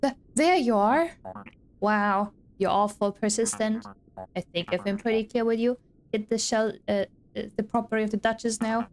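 A woman's voice: fairly high pitch, moderate pace, close to an everyday voice. A woman reading the lines of a rude, dismissive male shark thug from a game. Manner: dismissive, taunting. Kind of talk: reading game dialogue aloud.

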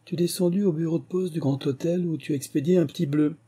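A man's voice: on the high side, steady tone, warm tone, husky, voice pushed up. A man doing a teasing young woman sleuth. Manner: brisk, teasing, deducing aloud.

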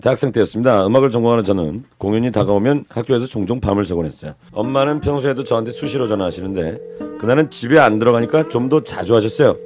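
Animated man telling a comic story. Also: mid-range voice, quick pace, faint music behind. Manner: animated, playful delivery. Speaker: radio show host reading listener stories.

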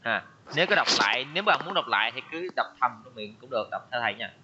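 A man's voice: mid-range voice, expressive, fast. A male teacher running an online language class, patiently drilling words and repeating them for pupils. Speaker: English teacher. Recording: dull lo-fi audio with noise.

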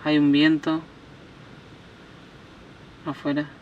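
A man's voice: fairly high pitch, monotone, extremely slow, distant mic, muffled recording. A young man with an Argentine accent, chatting casually as he films a trip to a lake. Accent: Argentine Spanish. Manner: chatty, asks questions, talks to a dog. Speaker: vlogger. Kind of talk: casual travel vlog. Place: outdoors by a lake, then inside a van. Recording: faint outdoor noise.

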